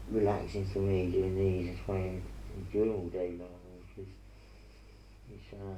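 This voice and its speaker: A man hosting a painting ASMR video, mumbling and rambling softly while he paints, speaking into an earpiece mic. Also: sits low, a little hiss or hum. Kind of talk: soft-spoken casual chat while painting. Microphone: earpiece headset mic. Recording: roomy with faint ambience.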